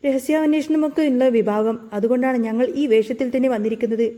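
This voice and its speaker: Casting: woman narrator doing a bold bluffing policewoman, dark-toned, low-key acting. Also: steady tone, brisk, close to an everyday voice. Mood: stern. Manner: threatening, bluffing. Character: stern woman posing as a police officer.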